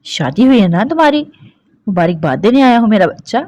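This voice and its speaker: A woman's voice: mid-range voice, big pitch swings, brisk, warm tone, dry recording, voice pushed up. A woman voicing a possessive, domineering young husband who gives harsh commands.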